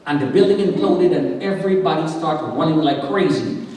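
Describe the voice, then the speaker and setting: A man's voice: fairly high pitch, fairly quick, a little mellow. A man giving a dramatic testimony as guest speaker in church, acting out the words of the people in his story. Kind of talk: testimony sermon. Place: church sanctuary. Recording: echoey church hall from far off.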